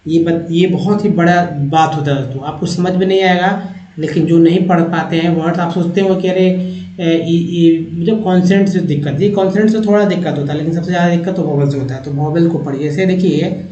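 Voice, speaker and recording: A man in a slow, repetitive classroom lesson, sounding out letters and vowel patterns step by step. His voice sits fairly high for a man. He is recorded in an echoey room on a dull, lo-fi track. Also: steady tone, warm tone. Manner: explains slowly, repeats sounds one by one, addresses viewers as friends. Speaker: English teacher. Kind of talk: spoken lesson over slides.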